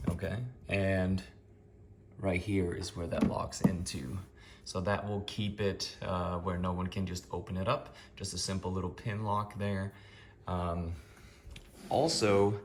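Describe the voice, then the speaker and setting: A man casually explaining a DIY project step by step as a hobbyist maker. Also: on the low side. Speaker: hobbyist maker and vendor showing a DIY build. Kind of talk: casual spoken build walkthrough. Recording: clear background noise.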